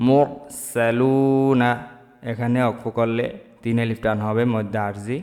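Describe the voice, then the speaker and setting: A man teaching Quran reading, spelling out letters and vowel marks slowly and then chanting the words drawn out. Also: mid-range voice, fairly even intonation, mellow, big-room sound. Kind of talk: slow spelled-out Quran recitation lesson.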